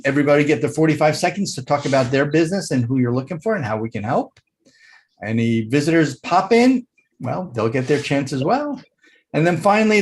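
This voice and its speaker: A man hosting a business networking meeting over a video call, relaxed and joking. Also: fairly high pitch, a little hiss or hum.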